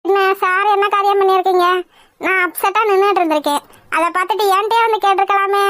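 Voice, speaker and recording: A woman's voice: very high-pitched, fairly even intonation, quick pace, fairly bright tone, no echo. A woman voicing an anxious young wife in a cartoon, who pleads and defends herself. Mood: defensive. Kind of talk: cartoon voice acting.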